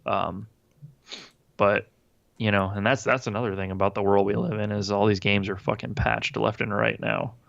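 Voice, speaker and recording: A low-voiced man with a gravelly edge co-hosts a casual gaming podcast, rambling through his points with plenty of fillers, restarts and swearing. His voice comes through a dull, lo-fi remote recording. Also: level tone, moderate pace, fairly bright tone. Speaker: podcast co-host.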